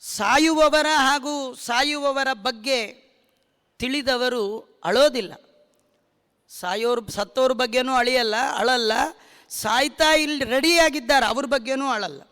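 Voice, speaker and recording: A man's voice: very high-pitched, unhurried, pauses often, bright, forceful tone, clear, resonant tone. A man from Bangalore giving a religious discourse on scripture, quoting Sanskrit verses as he preaches. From Bangalore, India. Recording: hall reverb.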